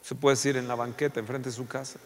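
A man preaching a passionate sermon, swinging between loud outbursts and hushed storytelling. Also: mid-range voice, little pitch movement, quick pace, in a large hall.

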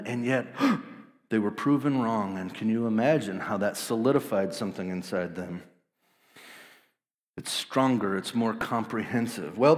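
A man in his thirties preaching a sermon as pastor, animated, acting out the voices of the people in the story. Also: medium pitch, big-room sound. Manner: animated, acts out voices of disciples.

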